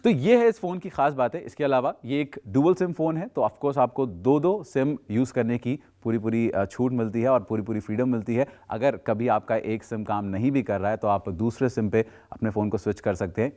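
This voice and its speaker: Male TV shopping host, mid-pitched, persuasive salesman, unscripted demo with English phrases mixed in. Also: brisk, hardly any pauses, mellow. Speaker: teleshopping presenter. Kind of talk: unscripted product demonstration pitch.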